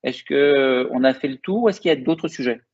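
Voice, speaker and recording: A man's voice: mid-range voice, brisk, darkish tone. A man moderating a conference panel, putting questions with many fillers and restarts. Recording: dull lo-fi sound.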